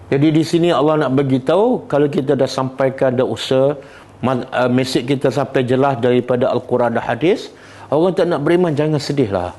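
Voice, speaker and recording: A middle-aged man with a Malaysian Malay accent teaching a Quran study class, often quizzing his students with short questions and reciting verses slowly. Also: medium pitch, warm tone. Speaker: religious teacher.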